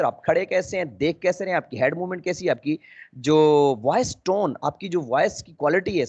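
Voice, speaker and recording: A man giving a spoken English lesson, explaining step by step, mixing in English phrases and pausing with fillers. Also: on the high side. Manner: explanatory, mixes English phrases, frequent 'uh' pauses. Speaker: English teacher. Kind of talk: lecture lesson. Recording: dull lo-fi audio.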